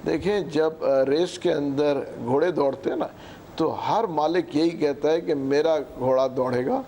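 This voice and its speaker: A man in his sixties with a Pakistani Urdu accent, answering as a political guest in slow, halting sentences full of fillers, often clearing his throat. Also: fairly high pitch, dark tone, slight background noise. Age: 60s. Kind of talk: hesitant interview answers.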